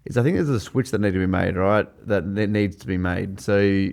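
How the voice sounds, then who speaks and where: A man hosting a podcast, talking reflectively in a casual conversation, with halting starts and restarts. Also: low voice, vocal fry, a little mellow. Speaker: podcast host.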